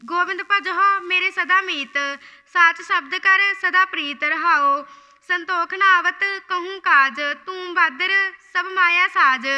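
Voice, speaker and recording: High, bright woman reciting scripture slowly. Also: long reverb tail, dull audio. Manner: measured, line-by-line recitation, repeating corrected phrases. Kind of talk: slow chanted scripture recitation.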